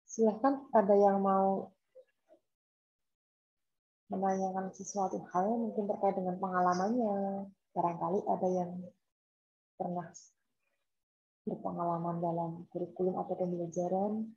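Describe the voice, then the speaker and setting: Over a laptop video call, an Indonesian woman lecturer runs an informal online class, explaining with examples, repeating points, and questioning students. Her medium-pitched voice is warm and level, a little slow, with long pauses. The recording sounds dull and low-fidelity.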